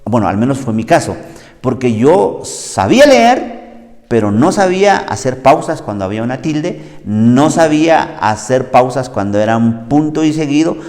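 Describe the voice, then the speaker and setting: A man with a Guatemalan Spanish accent preaching a sermon as pastor, acting out little dialogues with lively jumps in his voice. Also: normal speed. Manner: animated, acts out dialogue with big pitch jumps. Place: church hall. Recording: long church-hall reverb.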